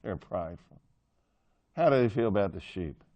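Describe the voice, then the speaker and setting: A male Bible teacher walks his class through a passage in a relaxed, chatty manner, joking with the students and repeatedly drawing answers out of them with questions. His fairly low, darkish voice is animated and moderately paced, and the recording sounds muffled.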